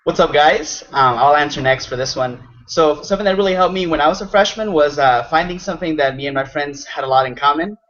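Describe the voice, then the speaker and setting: A man's voice: fairly high pitch, a little fast, few pauses, a bit bright. A young man from Venezuela, a student advisor, chatting upbeat on a panel. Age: young adult. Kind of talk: casual panel chat. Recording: dull lo-fi audio.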